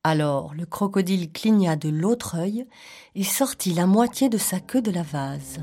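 A woman reading a children's story aloud, slow and expressive, with playful storytelling touches. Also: fairly low pitch, slight background noise.

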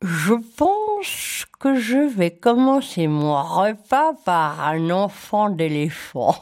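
A woman voicing a sly, menacing crocodile who coaxes slowly through his teeth. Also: mid-range voice, sing-song, a little mellow. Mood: coaxing. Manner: slow, coaxing, speaking through his teeth.

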